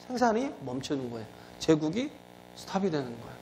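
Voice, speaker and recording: A man's voice: sing-song, a little fast, slight background noise, poor audio. A male pastor preaching to his congregation. He asks rhetorical questions and keeps prompting his listeners. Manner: swings between emphatic high lines and low, quiet drops. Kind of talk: sermon.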